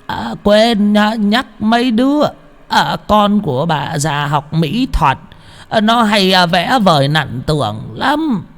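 A man voicing a hunched, wrinkled old woman who talks haltingly and quaveringly, with drawn-out filler sounds. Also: high voice, lively intonation, a bit bright, voice pushed up, exaggerated voice. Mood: calling out. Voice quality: quavering and breathy.

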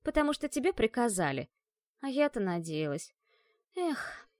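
A hot-tempered young inventor girl, played by a woman narrator, shrill and indignant. Her pitch sits high and leaps about, recorded dry and close. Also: very animated, moderate pace, darkish tone, dry recording. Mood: sarcastic.

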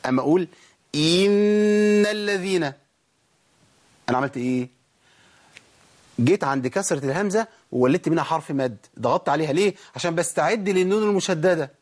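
Quick-talking Egyptian man teaching recitation. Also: on the high side, a little mellow. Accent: Egyptian Arabic. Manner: explains with quick rhetorical questions, then chants slow drawn-out recitation examples. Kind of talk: Egyptian colloquial tajweed lesson.

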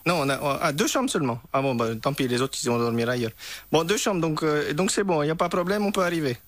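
A man's voice: high-pitched, big pitch swings, normal speed, fairly bright tone, pitched above the performer's own voice, full character voice. Prank call: man voicing a foreign valet with a fake accent and broken French, pushy.

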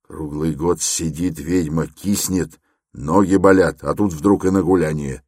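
Man doing a gruff impatient middle-aged man, grumbling, low voice, dry read. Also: steady tone, unhurried, darkish tone, no echo. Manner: grumbling, irritable.

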